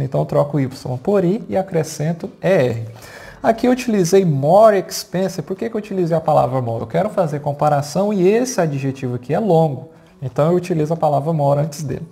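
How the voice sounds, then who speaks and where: Gravelly, patient Brazilian teacher. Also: medium pitch, warm tone. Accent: Brazilian Portuguese. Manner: patient, checks in often with the class, spells out key words slowly. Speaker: English teacher. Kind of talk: explaining grammar at a whiteboard.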